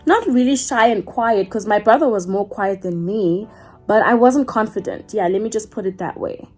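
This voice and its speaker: Talking to camera in a relaxed get-to-know-me video, this twenty-something South African YouTuber rambles and self-corrects as she chats. Her mid-range voice is a little mellow and moves at a moderate pace, with faint music behind her.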